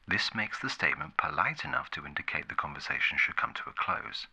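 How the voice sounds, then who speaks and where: A man playing a formal, condescending 1950s public-service ad announcer in a whispered role-play, a soft gravelly voice and deadpan, measured delivery. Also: exaggerated voice. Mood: deadpan instructive. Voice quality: breathy, soft, gravelly low voice.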